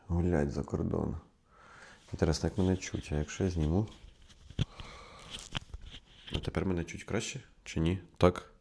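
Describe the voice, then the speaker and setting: Deep-voiced man vlogging a mic test. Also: dark tone. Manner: rambling, thinking aloud, repeated test counts. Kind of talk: casual solo vlog, testing a microphone. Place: at home, later in a kitchen. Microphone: clip-on microphone under test.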